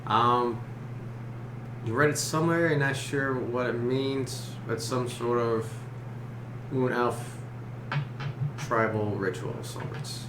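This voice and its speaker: A man runs a tabletop role-playing game as its game master, his voice in the middle register. He narrates haltingly, searching for words. The recording is roomy and echoey, with clear noise. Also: medium pitch.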